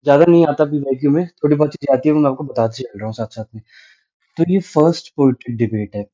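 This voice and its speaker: A man's voice: mid-range voice, warm tone. A man teaching a literature lecture in mixed Hindi and English, explaining patiently and checking in with "right?". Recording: dull lo-fi sound.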